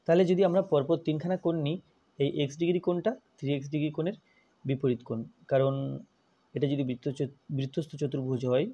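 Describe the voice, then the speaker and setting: A man's voice: fairly high pitch, fairly even intonation, fast talker, mellow, slightly rough, dull audio. A man teaching a math lesson, working through each step methodically and repeating it as he goes.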